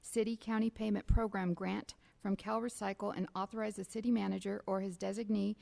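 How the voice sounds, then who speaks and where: A woman's voice: mid-range voice, a little fast, creaky. A woman serving as city clerk, reading motions and recommendations aloud at a council meeting. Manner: reads motions and recommendations in a steady procedural tone. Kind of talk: formal meeting procedure.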